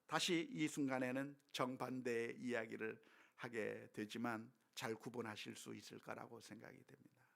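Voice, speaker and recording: A male pastor preaching a sermon, moving between quiet, hushed passages and loud, impassioned appeals built on rhetorical questions. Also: mid-range voice, creaky.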